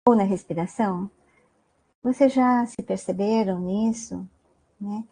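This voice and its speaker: A woman with a husky, dark, medium-pitched voice and a Brazilian Portuguese accent gives an unhurried online talk on mindfulness as a guest lecturer. Her questions to the audience and frequent "né?" tags keep it conversational.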